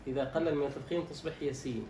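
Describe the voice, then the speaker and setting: A man teaching Quran recitation, quizzing his student and drawing out words slowly to demonstrate them. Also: medium pitch, dark tone. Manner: instructive, quizzes and demonstrates slow drawn-out words. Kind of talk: recitation lesson, correcting a student. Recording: roomy echo, distant mic, faint noise.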